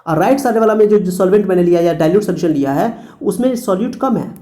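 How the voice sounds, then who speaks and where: Mellow-voiced male chemistry teacher lecturing. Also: high voice, quick pace. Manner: asks questions and answers them himself, self-correcting, joking. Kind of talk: classroom lecture.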